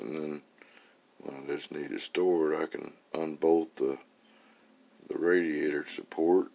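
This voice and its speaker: Speaking slowly in an extremely low voice with gravelly fry and a darkish tone, a hobby mechanic gives a casual walkthrough of his garage work. This amateur engine builder and vlogger, on a concrete-floored indoor workshop, is folksy and plain, sprinkling in swear words.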